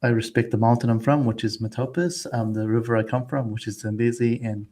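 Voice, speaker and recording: A man in his forties from Zimbabwe talks as a guest on a video call, at an ordinary middle pitch for a man. He is chatty and easygoing, restarting words and dropping in quick little laughs. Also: fairly even intonation, dark tone. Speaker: guest, student transition advisor. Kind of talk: casual interview talk.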